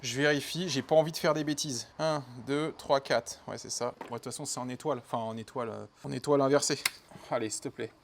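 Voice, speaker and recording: A man's voice: mid-range voice, fairly even intonation, fast, creaky, slight background noise. A man talking to himself as he works on an engine, muttering and cursing at himself. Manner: muttering, swearing, self-mocking. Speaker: mechanic vlogger. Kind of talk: talking to himself while working. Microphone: camera mic from a distance.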